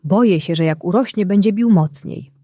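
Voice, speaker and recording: A woman voicing a small boy's father who speaks quietly and seriously. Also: mid-range voice, normal speed, no room sound, studio quality, lightly acted. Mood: worried. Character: worried father of a small boy.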